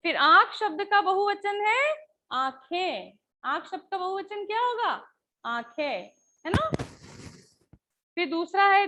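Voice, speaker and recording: A woman teacher with a very high voice walks through grammar answers one by one. She explains patiently and keeps checking that her pupils follow along. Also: sharp tone. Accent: Hindi. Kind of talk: Hindi grammar lesson.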